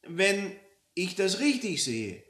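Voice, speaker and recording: Man putting on an elderly woman, feisty, bossy, shrill, scolding, lively pitch, echoey room. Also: slow, full character voice. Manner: shrill, scolding, loud and pushy. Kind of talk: storybook reading. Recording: roomy echo.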